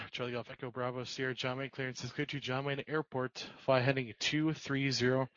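A man's voice: medium pitch, flat delivery, moderate pace, pushed and bright, dry recording. A man working as an air traffic controller, giving clipped, businesslike procedural instructions over radio. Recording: slightly muffled radio audio.

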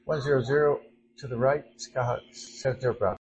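A man's voice: medium pitch, fairly even intonation, brisk, darkish tone, rough recording. A man speaking as a pilot over a cockpit headset radio, with clipped readbacks and call signs.

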